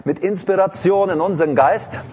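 A man preaches an informal, rambling sermon that wanders off on tangents, full of fillers and restarts, and he bursts into sung praise and tongues between sentences. His voice is high and darkish with a breathy edge, at normal speed, and faint music sits behind him.

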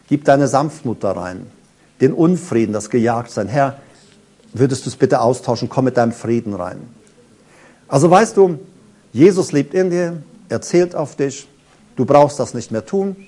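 A man preaching a sermon in an earnest, conversational way, speaking straight to the listener and moving between soft, hushed passages and raised, emphatic ones. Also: medium pitch.

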